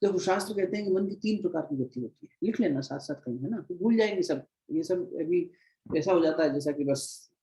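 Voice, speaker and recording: A man's voice: fairly high pitch, expressive, brisk, dark tone, low-quality recording. A man teaching at a devotional gathering, telling parables and repeating phrases for emphasis. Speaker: spiritual teacher. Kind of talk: devotional discourse.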